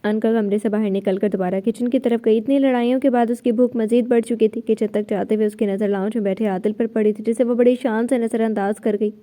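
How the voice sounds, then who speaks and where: A woman's voice: fairly high pitch, fairly even intonation, hardly any pauses, warm tone. A woman narrating a novel aloud, reading every character's lines in her own voice.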